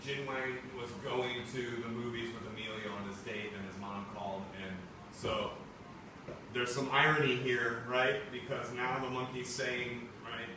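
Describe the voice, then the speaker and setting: A man's voice: mid-range voice, steady tone, unhurried. A male teacher leading a classroom book discussion in a conversational way, often checking in with "right?". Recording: echoey classroom, far from mic, room noise.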